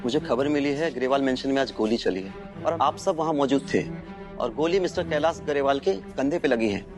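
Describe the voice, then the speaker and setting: A man's voice: mid-range voice, fairly quick, natural voice. A man playing an urgent TV-serial informant. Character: adult man reporting a shooting to a police inspector. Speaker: police drama character. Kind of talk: TV serial acting. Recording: TV clip with music over.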